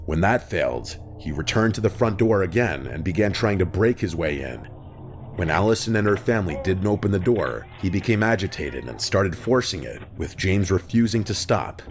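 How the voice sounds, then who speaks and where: A man reading a scripted true-crime narration in an even, measured way, close to the mic. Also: deep voice, a little hiss or hum. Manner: even, measured storytelling delivery. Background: music bed.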